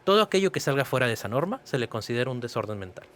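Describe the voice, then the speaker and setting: A man's voice: medium pitch, sing-song, racing, a little hiss or hum. A man in his thirties with a northern Mexican accent, a psychotherapist guest explaining concepts and often checking in with short tag questions. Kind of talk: explanatory interview talk.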